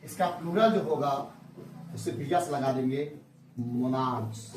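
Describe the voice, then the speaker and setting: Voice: medium pitch, measured pace, darkish tone. Teacher drilling a class in a roomy room. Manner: drills the class with repeated call-and-response questions; addresses pupils as children, scolds chatter. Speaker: English teacher. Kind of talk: classroom lesson. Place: classroom with traffic outside. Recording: roomy classroom sound, distant mic, faint traffic noise.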